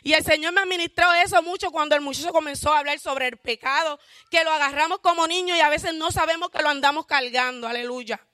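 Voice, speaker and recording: A woman's voice: high-pitched, fairly even intonation, fast, no echo, clean studio sound. A woman giving a fervent church testimony, calling out hallelujahs. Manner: self-described loud shouter.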